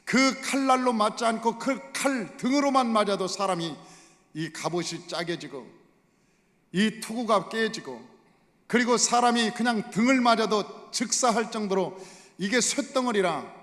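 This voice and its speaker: A male pastor preaching in a church sanctuary, telling stories and speaking straight to his congregation. His voice sits high for a man. A long reverb from the hall hangs behind every phrase. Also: animated, a little slow, a bit bright. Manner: storytelling, addresses the congregation directly. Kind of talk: sermon.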